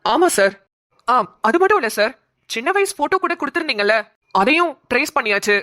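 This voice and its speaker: Cartoon role: a woman playing a brisk young officer, slightly high voice, dry close sound. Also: very animated, bright, forceful tone, no echo, heavily acted. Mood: businesslike. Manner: brisk, businesslike. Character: young male police colleague on a call. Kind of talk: cartoon voice acting.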